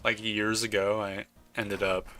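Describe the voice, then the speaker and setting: A man's voice: on the low side, little pitch movement, a little slow, bright, forceful tone, soft background music. A man casually commenting while playing a video game, chatting and reading the game's text aloud. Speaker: gaming YouTuber. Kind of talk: casual let's play commentary.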